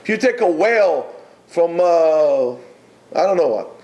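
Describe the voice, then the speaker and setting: A male yeshiva teacher lectures his students, exhorting them emphatically and pausing often between phrases. His fairly high, darkish voice swings widely in pitch with lively intonation, and he speaks slowly, taking his time.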